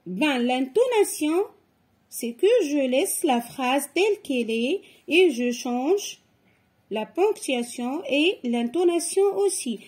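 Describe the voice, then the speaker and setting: Slow, patient woman teaching children. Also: sits high, lively intonation, darkish tone. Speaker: French teacher. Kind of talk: children's grammar lesson.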